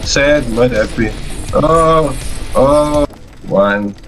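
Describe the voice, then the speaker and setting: A man's voice: mid-range voice, extremely slow, faint music behind. A man chatting casually while playing a co-op game with a friend, laughing, teasing and calling out moves. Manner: playful, teasing, laughing, shouting out calls. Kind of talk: casual gameplay chat.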